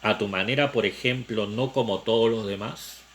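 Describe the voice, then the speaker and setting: A man reading aloud, voicing a brooding young man who longs for freedom, with slow, reflective questions. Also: on the low side, fairly bright tone, lightly acted. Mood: questioning.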